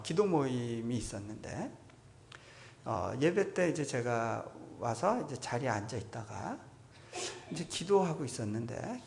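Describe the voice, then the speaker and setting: A man preaching as a guest missionary at a church revival, telling a personal story in a conversational way. He peppers his speech with affirming interjections and sinks to a hushed voice in reflective moments. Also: medium pitch, gravelly, slight background noise. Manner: drops to a soft, hushed voice in reflective passages. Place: church sanctuary at a revival meeting.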